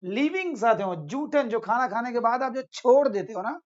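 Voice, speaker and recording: A man's voice: very high voice, lively intonation, normal speed. This is a man teaching a casual vocabulary lesson, saying each word and its meaning over and over and calling his students friends. The sound is a bit dull and lo-fi. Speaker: English teacher.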